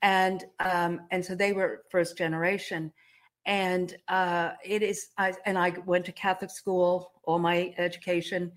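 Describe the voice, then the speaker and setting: A woman's voice: lowish voice, flat delivery, measured pace. A woman in her seventies hosting an interview, talking in a chatty way with many fillers and restarts, and coughing now and then. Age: 70s. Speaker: host. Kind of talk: casual interview chat.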